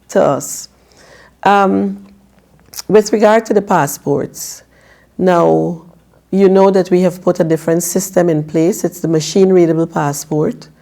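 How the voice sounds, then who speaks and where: Woman, 50s, from Guyana; low, mellow voice; slow, measured interview answers. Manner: measured, careful, with frequent filler pauses. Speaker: political candidate guest. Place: TV studio.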